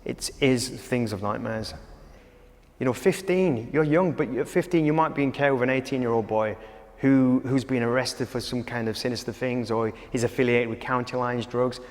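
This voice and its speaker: Emotional man recounting, halting and earnest. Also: mid-range voice, long reverb tail. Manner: earnest, halting, repeats himself. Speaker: children's home manager. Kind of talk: emotional interview testimony.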